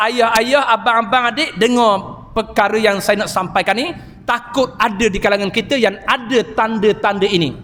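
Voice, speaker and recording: High-voiced preacher in a mosque. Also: male voice. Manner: animated storytelling, emphatic exclamations. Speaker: Islamic preacher and healer. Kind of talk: evening mosque sermon. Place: large mosque. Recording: reverberant mosque hall.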